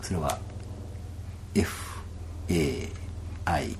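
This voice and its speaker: A man with a Kansai accent telling a personal story in a casual interview, animated and laughing often, sometimes dropping to soft asides. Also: slow, slight background noise. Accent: Kansai Japanese.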